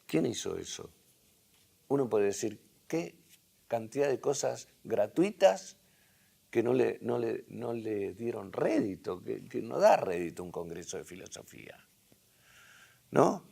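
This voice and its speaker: A hoarse man with an Argentine accent lecturing a university class, halting and restarting as he thinks aloud, with tag questions. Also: on the low side, sing-song, dark tone. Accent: Argentine Spanish.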